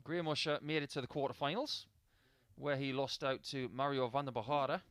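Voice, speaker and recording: A man's voice: medium pitch, steady tone, a little fast, fairly bright tone, clear, resonant tone, no echo. A man giving live darts commentary in a chatty, anecdotal way, mixing statistics with personal asides.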